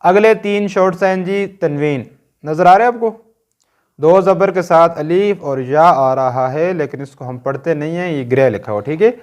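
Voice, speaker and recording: A man's voice: fairly high pitch, normal speed. A man with a Pakistani Urdu accent teaching Quran reading in a recorded lesson, patiently drilling short sounds one by one and checking that learners follow.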